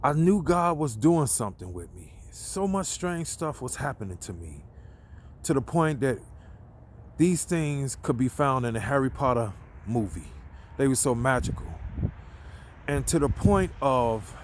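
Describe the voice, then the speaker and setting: A man's voice: mid-range voice, big pitch swings, a little slow, a little hiss or hum. A man talking casually while walking outdoors at night, telling a rambling, conversational story and repeating himself. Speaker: vlogger.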